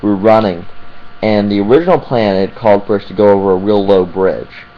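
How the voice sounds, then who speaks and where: A man giving a casual, halting vlog talk to camera, often searching for details mid-thought. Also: lowish voice. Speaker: vlogger. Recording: muffled sound with clear electrical hum.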